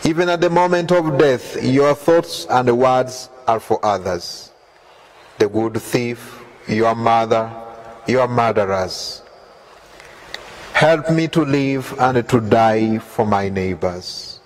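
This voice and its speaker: A man leading the Way of the Cross, reading prayers and scripture in a measured, reverent manner. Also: mid-range voice, low-quality recording. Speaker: prayer leader.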